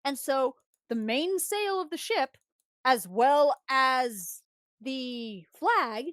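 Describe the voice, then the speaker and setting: A woman streamer casually retelling a story, animated and rambling, often restarting her sentences. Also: high voice, drawn-out words, dry recording, studio quality.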